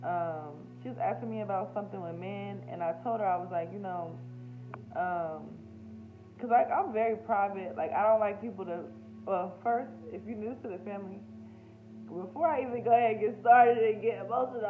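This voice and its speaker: The audio is thin and tinny, carrying a medium-pitched woman's voice. An American who hosts YouTube videos as a spiritual healer, she talks spontaneously in a casual vlog, openly emotional, slangy and frequently profane.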